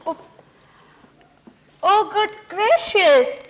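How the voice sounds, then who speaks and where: A woman playing a grand, theatrical art critic who speaks slowly and grandly. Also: very high-pitched, expressive, full character voice, poor audio. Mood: pompous. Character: grand deaf-rumored elderly female art critic. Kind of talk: amateur stage comedy acting.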